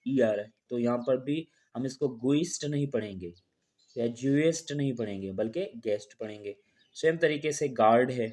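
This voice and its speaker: A man with a mid-range, slightly mellow voice teaches an English pronunciation lesson, walking through the rules one step at a time. He speaks patiently, repeating every rule and example, and poses questions he then answers himself.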